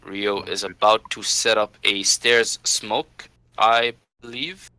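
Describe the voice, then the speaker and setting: Man, esports caster, live play-by-play, sharp bright voice, excitable, suspense-building. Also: lowish voice, slow pace, clean tone, rough recording.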